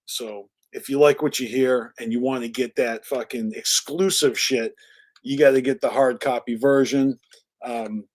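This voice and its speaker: A man's voice: mid-range voice, a little mellow. A man with a Boston accent hosting a casual live stream. He is a little tipsy and talks in a rambling, laid-back, profane way. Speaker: livestream host.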